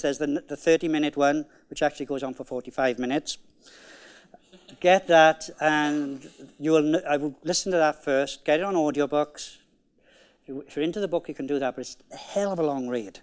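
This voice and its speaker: A man's voice: on the high side, clean tone. A man giving a conference keynote talk in an emphatic, conversational way, often repeating key phrases. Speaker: keynote speaker. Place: conference hall.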